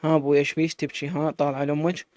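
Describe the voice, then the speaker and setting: A man's voice: fairly high pitch, level tone, very fast, a little mellow, lightly acted. A man reading as a young Iraqi sheikh.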